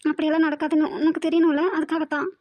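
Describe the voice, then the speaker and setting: Cartoon drama: a woman playing a hurt, devoted young woman, high and flat, pleading, dry close sound. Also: very fast, no echo, natural voice. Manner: pleading, emotional, insistent. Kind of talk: animated drama voice acting.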